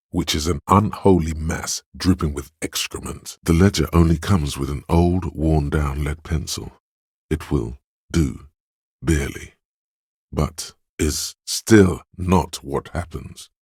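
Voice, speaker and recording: A male game narrator voices a detective's sardonic inner thoughts in scripted second-person narration for a role-playing video game. His voice is rock-bottom and rumbling, a little mellow and gravelly, with a wry, erudite, heavily acted delivery. The sound is close and dry, with no echo.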